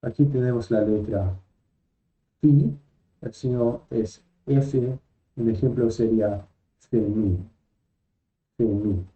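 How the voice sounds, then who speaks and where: A man's voice: medium pitch, slow, pauses often, dark tone, highs cut off. A man teaching a lesson, patiently naming each letter and repeating every example word. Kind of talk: slow lesson, spelling out letters and sounds.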